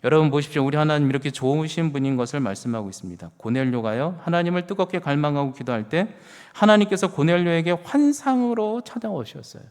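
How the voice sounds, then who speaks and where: A middle-aged man preaching a sermon as pastor, telling stories with swings from hushed words to loud exclamations. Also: fairly high pitch, expressive, quick pace. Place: church sanctuary. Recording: reverberant church hall.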